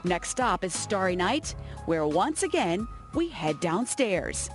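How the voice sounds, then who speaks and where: A woman's voice: medium pitch, big pitch swings, takes it slowly. An American woman working as a TV news reporter, reading scripted narration for a travel feature. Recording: music behind the voice. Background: background music.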